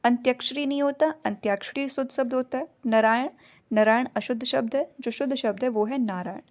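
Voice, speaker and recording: A woman's voice: on the high side, a little fast. A woman teaching a Hindi grammar lesson, steadily going through misspelled words and giving the correct spelling of each. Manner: steady, explanatory listing of words. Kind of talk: spoken lesson explaining word spellings.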